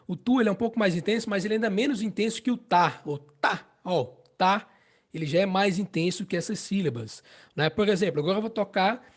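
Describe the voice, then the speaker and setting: A man with a Brazilian Portuguese accent teaching harmonica in a casual spoken lesson, explaining patiently and often checking in with the listener. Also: high-pitched. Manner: explains slowly, repeats phrases, checks with "né?" and "entende?".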